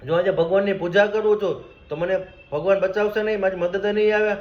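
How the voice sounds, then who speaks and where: A man's voice: high-pitched, steady tone, fairly quick, echoey room, highs cut off, natural voice. Man playing a stubborn, indignant old village priest. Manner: indignant, insistent.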